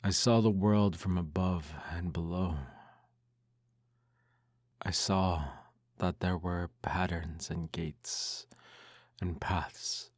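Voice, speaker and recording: A man in an ASMR role-play reads a bedtime story aloud in a soft, intimate, hushed voice that slips into speaks softly. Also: low-pitched, fairly even intonation, slow pace, long pauses, no room sound, studio quality.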